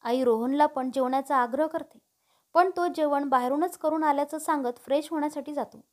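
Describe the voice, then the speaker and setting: A woman narrating a family story in a steady, expressive reading. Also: high voice, brisk.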